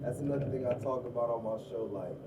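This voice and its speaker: A man hosting an interview, chiming in with quick affirmations and hyping his guest up. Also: mid-range voice. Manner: hypes the guest, quick affirmations like "real talk". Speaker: host. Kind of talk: casual interview chat. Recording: distant mic with faint room noise.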